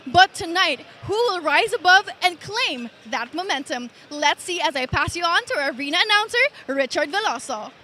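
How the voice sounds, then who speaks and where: A woman's voice: very high voice, expressive, moderate pace, few pauses, sharp tone. A woman with a Filipino accent giving a scripted sports report as a courtside reporter. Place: courtside in an indoor arena. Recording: noisy courtside ambience.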